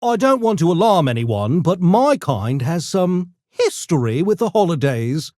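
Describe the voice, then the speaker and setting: A man's voice: a little high, sing-song, a little slow, darkish tone, no echo, studio quality. A man playing a small, smug, erudite gremlin genius in a video game, with pompous, wordy, mock-genteel diction and mischievous menace. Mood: dry, condescending. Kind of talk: video game character voice lines.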